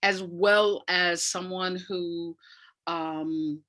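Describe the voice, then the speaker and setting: A woman who is an academic and audio dramatist speaks as an interview guest, her lowish voice steady, very slow and a bit bright. She explains things in a reflective, conversational way, thoughtfully searching for her words.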